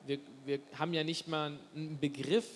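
A man's voice: on the high side, flat delivery, normal speed, slight background noise. A man from Spain speaking emphatically in a panel discussion. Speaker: panel guest. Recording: long reverb hall with faint ambience.

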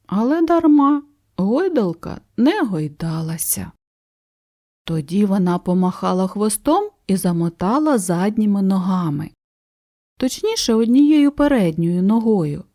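A woman narrating a children's audiobook in an expressive, gentle storytelling manner. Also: mid-range voice.

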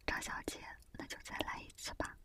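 A pushy, smooth-talking shop saleswoman played by a woman in a whispered ASMR role-play. She speaks entirely in a whisper, close to the mic. Her customer-service patter is coaxing and persuasive. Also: brisk, natural voice.

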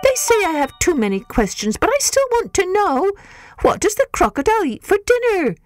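A woman voicing a small, curious, polite young elephant boy who speaks high and eager. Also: sing-song, moderate pace, no echo, faint music behind.

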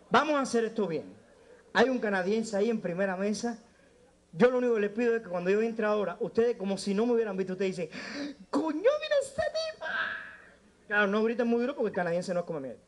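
A man with a Cuban accent doing live stand-up in a nightclub, brashly teasing the audience and slipping into broken English. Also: high-pitched. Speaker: stand-up comedian working the crowd.

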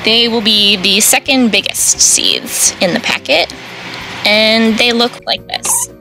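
A woman's voice: on the high side, takes it slowly, bright, forceful tone, soft background music, low-quality recording. Young woman giving patient instructions. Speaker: farm educator. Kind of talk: instructional demonstration.

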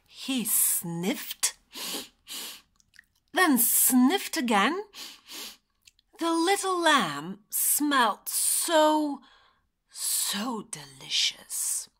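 A woman teacher reading a picture book aloud to young children, expressive and dropping to whispers for effect. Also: high voice, drawn-out words, long pauses.

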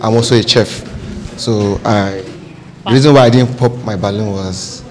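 A man with a fairly low voice flirts as a dating contestant. He talks smoothly and deliberately, often sinking into a soft hush. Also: a little hiss or hum. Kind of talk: casual chat.

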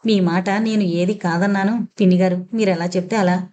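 A woman's voice: fairly low pitch, steady tone, moderate pace, mellow, lightly acted. A woman voicing a proud, blunt middle-aged mother in an audio novel. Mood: polite.

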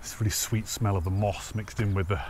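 A low-voiced hiking vlogger chats briskly as he walks across open fells and woodland paths, filming on a handheld camera held at arm's length. His intonation is fairly even, but he is enthusiastic and talkative, laughing to himself, with background noise around him.

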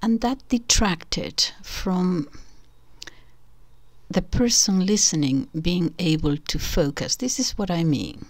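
Slow and on the low side, the voice belongs to an older woman with a Spanish accent who hosts an online channel. Her casual, meandering talk is full of self-corrections and restarts, with frequent soft, whispery asides.

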